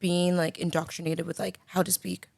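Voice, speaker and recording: A woman's voice: on the low side, level tone, moderate pace, gravelly, a little mellow, no echo. A woman from the Bahamas with a Bahamian accent, a podcast guest talking in a casual, reflective way and leaning on lots of "like.". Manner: reflective, filler-heavy speech full of "like". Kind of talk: casual conversation. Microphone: studio mic with headphones.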